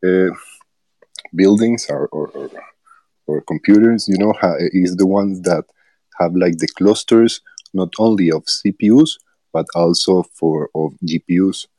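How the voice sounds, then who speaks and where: A man from Rica, a developer guest on a podcast interview, speaking in a halting way with frequent fillers and restarts. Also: sits low, a little mellow, no echo. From Costa Rica.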